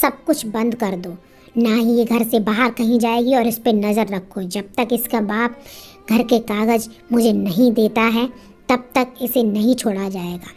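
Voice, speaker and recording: A bullying, greedy young husband threatens in a harsh, menacing tone, as a woman storyteller puts him on. His voice sits fairly high, and soft music plays underneath. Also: steady tone, unhurried. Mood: commanding. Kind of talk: storytelling with acted dialogue.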